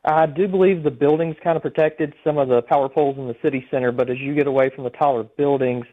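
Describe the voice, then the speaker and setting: A man gives a live eyewitness account as a storm chaser. His voice sits at a medium pitch and comes through a thin, narrow telephone line. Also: fairly even intonation, fast. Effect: phone line. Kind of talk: live phone interview report.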